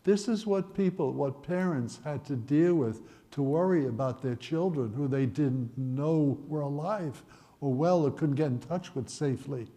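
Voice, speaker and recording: A man in his eighties from the Netherlands, telling his life story in a wry, gently humorous way. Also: fairly high pitch, normal speed. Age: 80s. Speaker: Holocaust survivor speaker. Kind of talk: personal storytelling talk.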